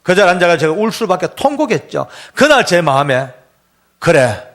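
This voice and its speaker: A male church elder tells his testimony from the pulpit and voices every line of dialogue with deep feeling. His voice sits a little high for a man. The delivery is heartfelt sermon storytelling. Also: sing-song, normal speed, fairly bright tone.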